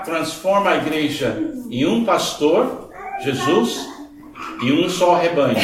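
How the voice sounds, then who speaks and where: A man preaching a church sermon in Portuguese with an American English accent, earnest and emphatic, repeating key phrases. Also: a little high. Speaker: guest preacher. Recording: echoey church hall, distant, noisy.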